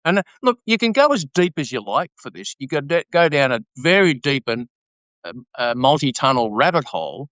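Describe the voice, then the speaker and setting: A man co-hosting a casual talk, speaking in a measured way with many fillers and restarts. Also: mid-range voice, sing-song, a bit bright, no room sound. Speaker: podcast co-host. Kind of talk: casual conversation.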